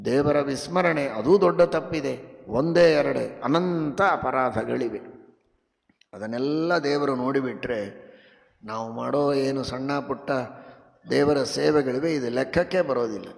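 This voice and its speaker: A man with a North Karnataka Kannada accent giving a devotional sermon, chanting Sanskrit verses slowly and moving between loud emphatic stresses and quiet asides. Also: mid-range voice, gravelly. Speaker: religious teacher giving a discourse. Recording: long hall reverb.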